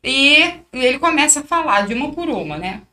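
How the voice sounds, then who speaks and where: High bright-voiced woman storyteller. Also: brisk. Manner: animated, acts out quoted dialogue. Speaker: guest, professional fighter. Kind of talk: casual interview storytelling.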